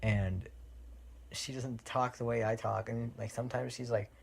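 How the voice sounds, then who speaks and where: A man's voice: medium pitch, level tone, normal speed, creaky, breathy edge. A young man with a Californian accent and a nasal voice, chatting casually in a rambling way to his viewers. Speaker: vlogger. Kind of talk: casual chat.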